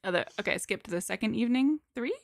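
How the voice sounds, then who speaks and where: A woman's voice: fairly high pitch, lively intonation, quick pace, creaky, dry recording, clean studio sound. A woman playing a tabletop game on a live stream, moving between casual chat and dramatic narration. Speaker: live stream player reading the game script aloud.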